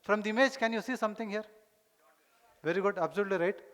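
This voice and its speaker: A man's voice: sits high, very slow, a bit bright. A man lecturing a conference hall and quizzing the audience, mixing in Tamil words. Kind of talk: teaching lecture.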